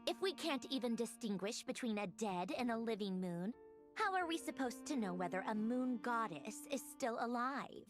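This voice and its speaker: A woman's voice: on the high side, lively intonation, normal speed, over music, lightly acted. A woman voicing an irritable, brilliant scientist in a video game, curt and sarcastic when annoyed. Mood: musing. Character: irritable brilliant female scientist, impatient and sharp. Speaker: game character.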